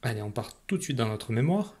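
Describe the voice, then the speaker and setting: A man's voice: mid-range voice, very animated, a little fast, mellow, slight background noise. A man teaching a phonics lesson to a young child, patient and encouraging, speaking straight to the learner.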